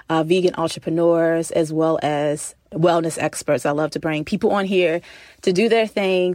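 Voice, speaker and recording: A woman's voice: on the low side, dry recording. Casual woman podcaster, very dry closet sound. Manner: chatty, informal, laughs while talking. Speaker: podcast host. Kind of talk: casual solo podcast talk. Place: recorded inside a closet.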